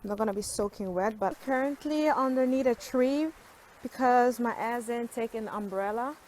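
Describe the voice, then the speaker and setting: A woman's voice: on the high side, normal speed, a little mellow, slight background noise. A young woman chatting casually to the camera in a vlog, talking frankly, sometimes slipping into French, her voice heavy from the morning. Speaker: vlogger. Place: home, then outdoors. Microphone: handheld camera or phone.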